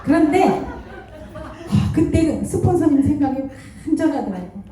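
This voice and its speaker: A woman giving a motivational seminar talk as a network marketing distributor, telling stories with lively rhetorical questions. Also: high-pitched, measured pace, some chatter behind. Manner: animated storytelling with rhetorical questions. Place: lecture hall. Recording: echoey hall from far off.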